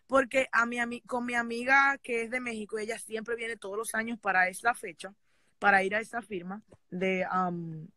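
A woman with a Dominican Spanish accent chats about books in a gushing, animated way, now and then slipping into English. Her voice sits high, and the sound is close and dry with no room around it. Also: normal speed, no echo. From Dominican Republic. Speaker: book channel host. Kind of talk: casual chat.

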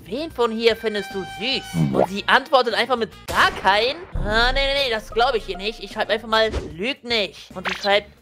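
A young woman narrating her game play in a lively, excitable way, reading chat messages aloud in playful voices. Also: a little high, moderate pace, few pauses, music in the background. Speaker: gaming YouTuber. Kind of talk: narrating Roblox gameplay.

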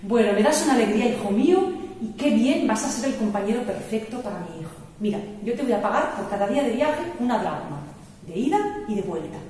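A woman's voice: a little high, animated, fast, dark tone, natural voice. Woman voicing a cautious blind old father. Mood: delighted. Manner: fond, testing questions. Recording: echoey church hall, mic far off.

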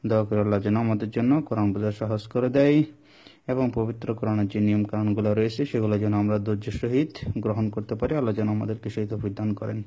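A man teaching Quran reading, spelling out letters syllable by syllable in a slow drill, with short explanations in between. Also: fairly low pitch, steady tone, warm tone, dull audio. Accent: Bangladeshi Bengali. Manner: drawn-out syllable-by-syllable recitation.

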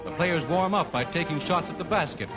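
A man narrates in a formal announcer style, in the manner of an old 1940s newsreel. His voice sits a little high for a man and comes through a dull, lo-fi film soundtrack. A loud music score plays under him the whole time. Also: a little fast. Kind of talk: scripted sports newsreel narration.

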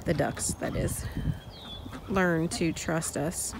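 Slow-talking woman filming on a farm. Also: deep voice. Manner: slow, unhurried, with many ums and restarts. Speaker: farm vlogger. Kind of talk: casual narration while filming. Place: outdoors in a farm poultry pen. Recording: outdoor phone audio with clear farm noise. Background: ducks quacking and chickens.

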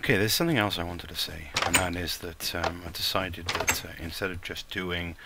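A man with a light Welsh accent hosts a gaming channel, rambling casually over his gameplay in a low, brisk voice. He's self-mocking and slips into playful put-on crooning, with heavy background noise behind him.

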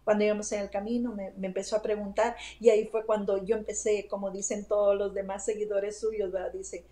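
Woman chatting away about her day, mellow warm tone, lots of fillers. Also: mid-range voice, level tone, fairly quick, poor audio. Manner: chatty, many fillers and asides to the host. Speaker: interview guest. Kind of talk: casual storytelling.

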